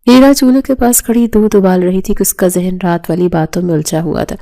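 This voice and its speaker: Mellow-voiced woman narrating a novel. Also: on the low side, steady tone, creaky. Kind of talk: scripted narration of a romance novel.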